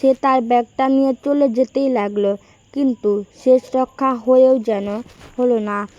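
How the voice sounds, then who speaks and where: A woman's voice: a little high, darkish tone, no echo, highs cut off. Woman narrating an audio love story.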